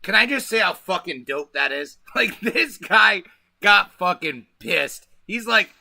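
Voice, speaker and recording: Brief: man, live-stream reaction host, profane and excited, sharp tone. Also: high-pitched, measured pace, vocal fry. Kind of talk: reaction commentary.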